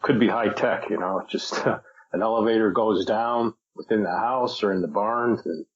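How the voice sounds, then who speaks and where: A man's voice: lowish voice, moderate pace, husky. A man appearing as a podcast guest, speaking tentatively and speculatively, with many hesitations and restarts. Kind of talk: casual podcast interview. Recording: dull lo-fi remote audio.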